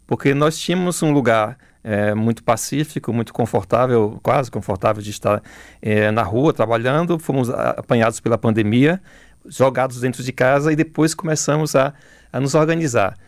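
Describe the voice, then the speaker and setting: A middle-aged man with a Bahian Brazilian accent speaks reflectively as an interview guest in a medium-pitched voice. He talks haltingly, repeating words while hunting for phrasing, and the studio-quality recording has no room sound.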